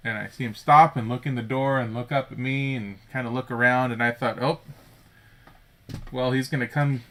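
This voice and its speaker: A man's voice: mid-range voice, bright, forceful tone. A man chatting casually at home as he builds a Lego set, rambling and correcting himself as he goes. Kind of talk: casual chat while building. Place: home room.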